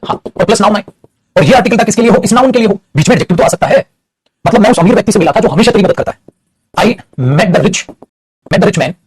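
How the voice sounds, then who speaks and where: A man's voice: high-pitched, a little mellow, husky, no echo. A man with a Bhojpuri-tinged Hindi accent teaching English grammar to students in a classroom lesson, switching between Hindi and English and calling his students beta.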